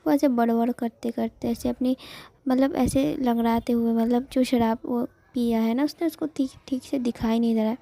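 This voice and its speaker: A woman's voice: on the high side, steady tone, moderate pace, gravelly, warm tone. Chatty woman retelling a story. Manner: chatty, repetitive fillers. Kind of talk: casual retelling of a fan story.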